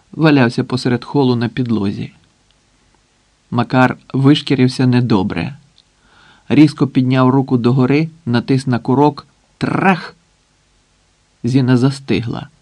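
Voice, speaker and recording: A man narrating an audiobook in an even, measured storytelling manner. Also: medium pitch, no room sound.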